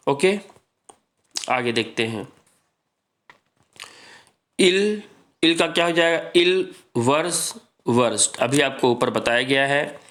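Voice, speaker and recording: A man teaching an exam-prep grammar lesson, explaining slowly and repeating points while addressing students as friends. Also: a little high, fairly bright tone.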